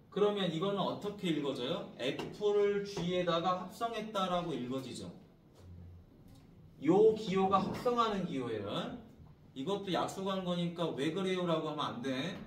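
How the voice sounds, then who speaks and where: Male math teacher, high and animated, prompts students constantly, distant classroom recording with faint background noise. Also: roomy sound. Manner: keeps checking in with students, repetitive prompting questions. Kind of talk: classroom lecture.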